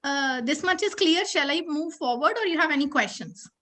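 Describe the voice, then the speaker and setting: A woman's voice: sits high, expressive, moderate pace, bright, forceful tone. A woman with an Indian accent presenting a teacher-training session over a video call, explaining patiently step by step and checking in often. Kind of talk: online teaching demo.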